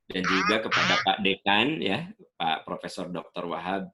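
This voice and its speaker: Lively man lecturing. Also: low voice, normal speed. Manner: animated, acts out quoted speech. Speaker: invited Islamic speaker. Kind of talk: Islamic lecture.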